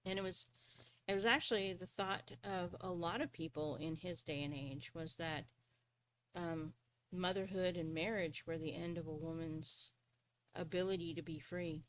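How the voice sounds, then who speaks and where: A woman's voice: lowish voice, fairly even intonation, normal speed. Earnest woman telling a personal story. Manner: earnest, chuckling through her story, restarts. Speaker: live stream host.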